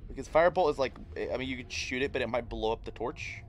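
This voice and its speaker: A man's voice: medium pitch, fast talker, slight background noise. A man with a Midwestern accent, narrating a tabletop game as game master, with many fillers and restarts. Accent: Midwestern American.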